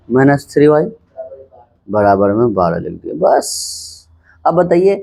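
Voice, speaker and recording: A man teaches school maths in an easygoing classroom style, taking his time over each step. He keeps putting questions to the class and then answering them himself. His voice sits a little high for a man. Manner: calm, unhurried, asks and answers his own questions. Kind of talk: casual classroom maths lesson.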